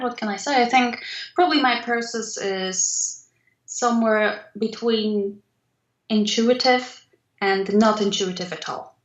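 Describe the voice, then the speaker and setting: Polish woman, roomy dull call audio. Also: mid-range voice. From Poland. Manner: thoughtful, laughs easily. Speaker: guest artist. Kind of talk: casual interview chat.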